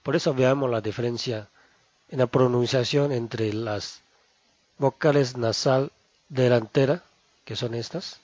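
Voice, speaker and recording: A man teaching Chinese pronunciation, saying each syllable slowly and twice over. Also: medium pitch, steady tone, darkish tone, no echo, muffled recording. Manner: slow, deliberate, repeats each syllable twice. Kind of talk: pronunciation lesson.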